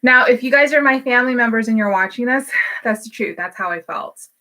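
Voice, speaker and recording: A woman's voice: a little high, a little fast, bright, forceful tone. A woman in her thirties from Hawaii, a business coach talking candidly to camera in a casual, motivational way, with many fillers. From Hawaii, United States. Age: 30s. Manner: candid and personal, with frequent fillers.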